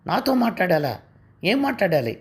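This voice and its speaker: A woman voicing a sharp-tongued, proud young wife who talks in a raised, cutting way. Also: lowish voice, sing-song, normal speed. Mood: scornful.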